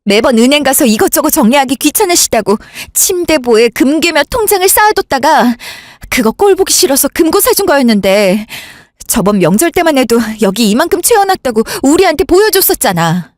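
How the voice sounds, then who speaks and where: A woman's voice: sits high, big pitch swings, a little fast, dry recording, clean studio sound. A woman playing an agitated, grieving elder sister. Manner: insistent, worked up, pushing to call police. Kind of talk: Korean radio drama acting.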